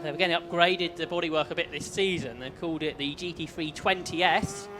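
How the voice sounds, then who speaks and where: A man's voice: on the high side, fairly quick. A man giving live play-by-play motorsport commentary, often posing questions as the action unfolds.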